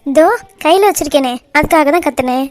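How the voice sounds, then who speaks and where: A woman's voice: high voice, fairly quick, no room sound, close to an everyday voice. A woman voicing a bold, fearless young bride-to-be in a cartoon, teasing her elders cheekily. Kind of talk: cartoon voice acting.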